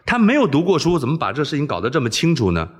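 A man's voice: fairly high pitch, racing, husky. A middle-aged man from Taiwan, telling and reading a story expressively. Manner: animated, expressive.

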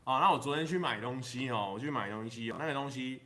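A man with a Taiwanese Mandarin accent, casually chatting to a live stream audience. His voice is bright and forward, sitting at a middle pitch. He meanders through jokes, stretching his sentence endings and laughing at his own punchlines. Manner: rambling, drawn-out sentence-final particles, chuckles at his own jokes. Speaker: livestreamer. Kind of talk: casual livestream chat telling jokes.

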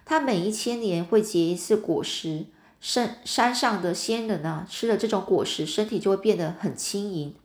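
A woman's voice: medium pitch, moderate pace, lightly acted. A woman voicing a friendly, playful twelve-year-old boy in a storybook reading, recorded in a roomy space. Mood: easygoing. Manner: easygoing, teasing.

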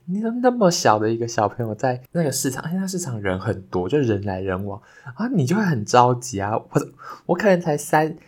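A young man hosting a podcast, telling a childhood story in a casual, animated way that turns sincere when he gives thanks. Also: a little fast. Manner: animated, jumps higher when retelling the scary parts. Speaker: podcast host.

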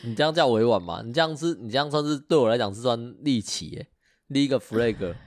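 A man's voice: mid-range voice, expressive, brisk, dry recording, clean studio sound. A man co-hosts a casual podcast chat and teases his partner in a wry way. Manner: teasing, wry. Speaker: podcast co-host.

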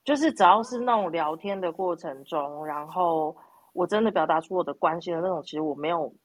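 Low-pitched, rapid-talking Taiwanese woman. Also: no echo. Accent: Taiwanese Mandarin. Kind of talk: casual storytelling chat.

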